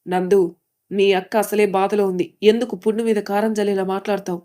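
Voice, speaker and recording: A woman's voice: mid-range voice, little pitch movement, a little fast, mellow, lightly acted. A woman voicing a kind young man who coaxes politely. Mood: coaxing. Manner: polite, coaxing. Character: gentle, caring young man.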